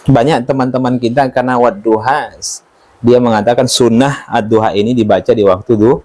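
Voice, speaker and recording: A man's voice: mid-range voice, fairly even intonation, a little fast, darkish tone. A man teaching a religious study class, talking informally, joking and asking his listeners questions. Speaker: Quran teacher.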